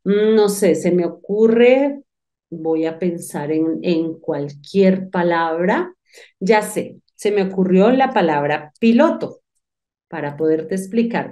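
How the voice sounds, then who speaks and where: A woman teaching an online English phonics lesson, talking straight to the student and thinking aloud as she goes. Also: mid-range voice. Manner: lively, talks directly to the student, thinks aloud.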